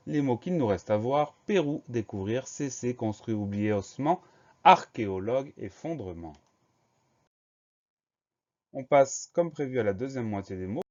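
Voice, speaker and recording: A man's voice: medium pitch, dark tone, highs cut off. A male primary school teacher giving a spelling lesson for children, patiently spelling out each word letter by letter.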